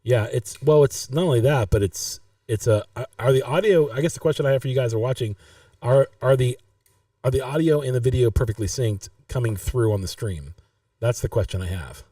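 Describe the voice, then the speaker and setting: A man's voice: medium pitch, fairly quick, mellow, no room sound, distant mic. A man hosting a casual live-stream podcast, rambling and restarting his sentences. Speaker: podcast host.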